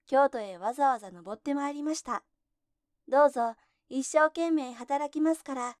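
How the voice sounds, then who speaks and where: A woman voicing a tiny, eager young man who speaks loudly but humbly and formally, in a storybook reading. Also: sits high, moderate pace, no room sound, clean studio sound, close to an everyday voice. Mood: polite.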